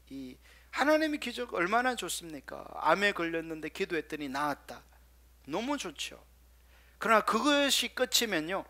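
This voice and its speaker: Firing rhetorical questions at his congregation, a high-pitched male pastor preaches a sermon, now and then slipping into quiet, soft asides.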